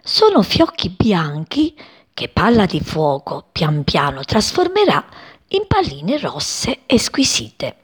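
A woman's voice: on the high side, huge pitch swings, measured pace, hardly any pauses, breathy edge, pitched above the performer's own voice, exaggerated voice. A woman voicing a mother sparrow who speaks kindly but firmly to her chicks. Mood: gentle. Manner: kind but firm. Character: gentle, commanding mother sparrow.

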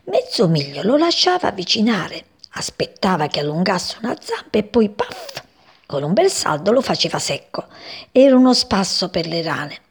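A woman reading a children's story aloud, expressive and voicing the characters. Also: mid-range voice, moderate pace, husky.

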